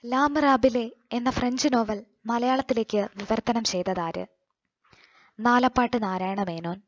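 Slow, measured Malayali woman quizzing. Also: fairly high pitch, no echo, muffled recording. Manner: slow, measured question-and-answer reading. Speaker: exam coaching presenter. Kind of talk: reading quiz questions and answers.

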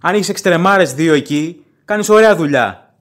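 A man's voice: on the high side, animated. A man hosting a solo football fan podcast, talking in a plain-spoken, opinionated and rambling way. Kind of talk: casual solo podcast commentary.

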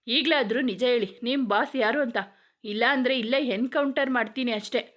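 A woman's voice: fairly high pitch, moderate pace, a bit bright, natural voice. A woman voicing a tough male police officer who interrogates suspects in a commanding, threatening way. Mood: stern.

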